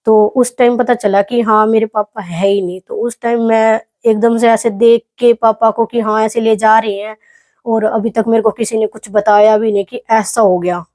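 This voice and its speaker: A young woman recounts a personal story in an interview. Her voice sits a little high, and she speaks softly and reflectively, pausing often to gather her thoughts. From Haryana, India. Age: young adult. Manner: soft, reflective, halting with many fillers. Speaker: athlete guest.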